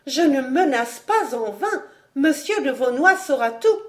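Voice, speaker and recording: A woman reading aloud, voicing a proud, indignant young noblewoman with an accusing, high-strung manner. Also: measured pace, darkish tone, close to an everyday voice.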